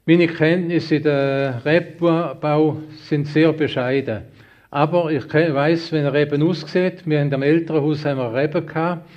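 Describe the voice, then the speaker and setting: A middle-aged man preaching a sermon in a plain, homely storytelling way, with halting restarts. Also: a little high, a little mellow. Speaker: lay preacher. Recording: dull lo-fi recording.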